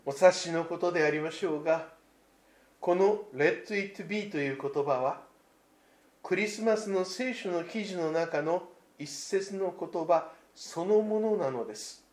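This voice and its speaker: A man preaching a Christmas sermon, slow and reflective with dramatic pauses. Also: high voice, echoey room. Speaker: pastor.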